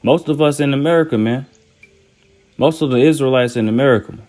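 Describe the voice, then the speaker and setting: A man delivers an informal sermon in an ordinary mid-range voice, scolding his listeners in loose slang. He stumbles through restarts and tags "man" onto his lines, and he reads verses aloud between his rants. Soft music plays faintly underneath. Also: medium pitch, a little fast. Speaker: self-styled preacher. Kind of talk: informal street-style preaching with scripture reading.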